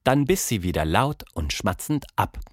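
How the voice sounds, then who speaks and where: A man hosting a children's audio show and reading a story aloud in an expressive, unhurried way. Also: on the low side, no echo, studio quality. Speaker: host and storyteller.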